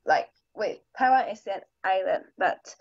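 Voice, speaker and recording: Hesitant teen girl, slow muffled video call. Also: medium pitch, lively intonation, no echo. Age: teens. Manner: hesitant, searching for words, many "like"s. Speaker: high school student. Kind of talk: class discussion in English. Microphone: computer mic on a video call.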